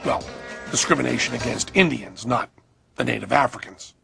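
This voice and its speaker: A man's voice: medium pitch, normal speed, vocal fry, over music. An American man hosting a comedy documentary, narrating in a sarcastic, profane, mock-outraged way. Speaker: host.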